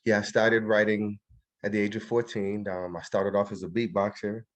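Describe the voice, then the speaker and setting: A man from New York, a guest poet, talking in a relaxed, casual way in an interview. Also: fairly low pitch, normal speed. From New York, family from Trinidad.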